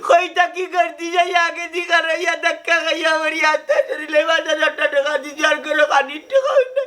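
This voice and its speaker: A man's voice: very high voice, moderate pace, bright, forceful tone. An actor with a Sylheti accent playing a desperate young man who crashed a motorbike, wailing and pleading for money. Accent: Sylheti Bengali. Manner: wailing, pleading, sobbing speech. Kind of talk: rural comedy drama acting.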